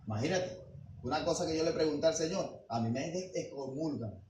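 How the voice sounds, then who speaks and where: A man delivers a sermon as pastor, his voice sitting somewhat high. He preaches emphatically, asking rhetorical questions and swinging from hushed asides to loud declarations. The recording is roomy and picked up from a distance, with faint noise behind. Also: a little fast.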